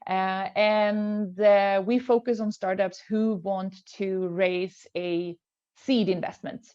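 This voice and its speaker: A woman's voice: medium pitch, steady tone, takes it slowly, dark tone, clean tone. Woman hosting a zoom webinar, lots of uhs and restarts, a bit muffled. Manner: hesitant, many fillers and restarts. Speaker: event host. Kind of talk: hosting a video call webinar. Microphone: video call.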